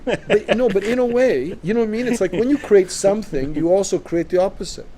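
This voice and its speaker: A man's voice: sits high, a little fast, mellow, a little hiss or hum. A Canadian man in casual discussion, arguing his point emphatically and often checking in with "right?". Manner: emphatic, interjects with repeated "right?". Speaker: co-host.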